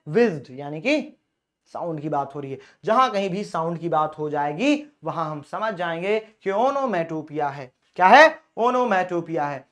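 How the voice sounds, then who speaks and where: A man with a Hindi accent teaching an exam-prep grammar lesson, explaining each point in Hindi and reading the English examples out slowly. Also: high voice, fairly bright tone.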